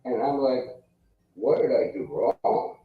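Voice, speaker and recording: A man's voice: mid-range voice, lively intonation, slow. A man on a live stream call who sounds muffled and far off, as if heard through a wall, flustered as he fumbles with his setup. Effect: muffled, distant voice as if heard through a wall. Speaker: guest calling into a live stream panel. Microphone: computer mic away from the mouth. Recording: roomy, dull computer mic far from the speaker.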